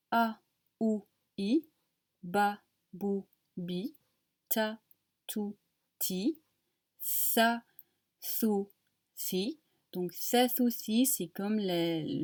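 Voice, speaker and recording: A woman teaching a language lesson at a whiteboard, patiently sounding out syllables one at a time with frequent fillers and pauses. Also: mid-range voice, dark tone.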